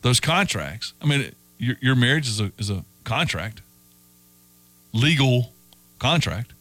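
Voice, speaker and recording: Animated man talking sports. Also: medium pitch, unhurried, no echo. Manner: animated storyteller, acts out quoted voices. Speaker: sports radio host. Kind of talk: casual sports talk.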